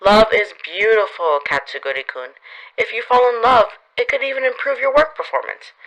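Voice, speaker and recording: A woman's voice: moderate pace, close to an everyday voice, low-quality recording. A woman voicing a flirtatious, brash middle-aged female company president in an audiobook, with a teasing, playful manner. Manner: teasing, playful, lively swings in pitch.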